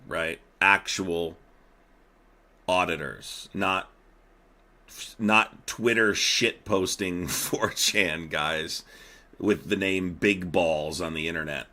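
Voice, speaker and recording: A man's voice: low-pitched, bright, forceful tone. A young man hosting a live stream, riffing profanely and animatedly, laughing as he talks. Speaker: streamer host. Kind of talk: casual live-stream commentary.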